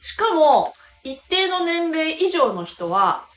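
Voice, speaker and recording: A Japanese woman teaching pronunciation in a clear, deliberate lesson style. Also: high-pitched, sing-song, fairly bright tone, reverberant, soft background music. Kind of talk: scripted language lesson.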